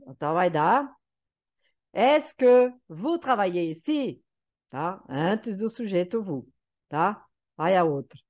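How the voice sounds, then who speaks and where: A woman who is a teacher giving an online lesson, explaining patiently and often checking that her students follow. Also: medium pitch. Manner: explanatory, checks understanding with frequent "tá?". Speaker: French teacher. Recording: slightly dull lo-fi sound.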